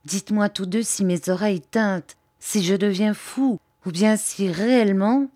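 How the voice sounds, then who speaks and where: A woman's voice: mid-range voice, moderate pace, dark tone, dry recording, clean studio sound, lightly acted. A woman reading aloud voices an anxious, earnest male scientist explaining a danger in an audiobook. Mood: grave, urgent.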